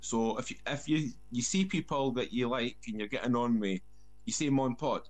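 A man's voice: mid-range voice, normal speed. A man from Scotland with a broad Scottish accent, telling casual anecdotes as a guest and often repeating words. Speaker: guest, former soldier.

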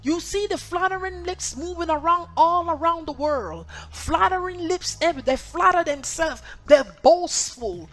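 A woman preacher delivering a sermon in an emphatic, repetitive cadence, her loudness rising and falling between lines. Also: very high voice, lively intonation, unhurried, hardly any pauses.

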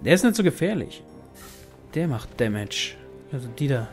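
A man's voice: mid-range voice, very animated, moderate pace. A man giving casual let's play commentary, thinking aloud and muttering to himself as he plays. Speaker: gaming video host. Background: game music.

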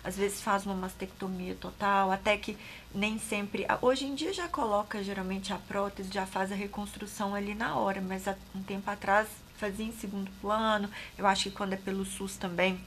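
A woman's voice: mid-range voice, steady tone, normal speed, fairly bright tone, slight background noise. A woman doctor with a Brazilian accent, guesting on a talk show and speaking hesitantly, with many fillers and restarts. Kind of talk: casual talk-show conversation.

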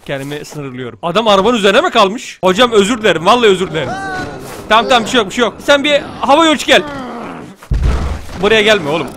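A young man giving casual, jokey gameplay commentary, excitable and quick to shout. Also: high voice, crowd noise. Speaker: gaming YouTuber.

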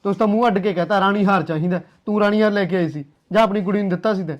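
A man's voice: high voice, racing, lightly acted. A man playing a bitter, angry son. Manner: bitter, confrontational. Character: angry grown son defending a girl. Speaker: actor. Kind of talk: short film drama.

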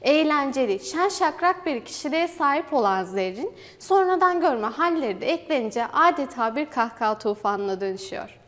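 A young woman presenting film news for university television, reading a script in a formal, even way. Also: high-pitched, normal speed, hardly any pauses. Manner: even, formal read-aloud delivery. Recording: hall reverb.

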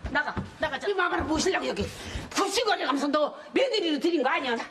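A scheming, fawning middle-aged mother-in-law from a TV drama. Her voice sits high, and her rustic folksy speech swings between loud scolding and wailing. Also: expressive, fast, a little hiss or hum. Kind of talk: television drama acting.

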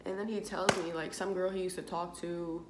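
A woman's voice: lowish voice, fairly even intonation, a little fast, very noisy. A young woman vlogger telling a casual story, rambling and leaning on filler words. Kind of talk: casual story-time vlog. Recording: echoey room with background music.

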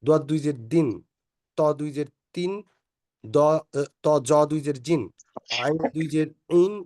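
A man's voice: fairly high pitch, dark tone. A man student carefully reciting letter drills for his teacher over a call.

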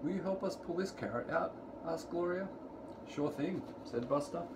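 In a room at home, a middle-aged man reads a children's picture book aloud to preschoolers, using deliberate, sing-song storytelling phrasing. His voice is fairly high, and the clearly noisy home recording carries room ambience.

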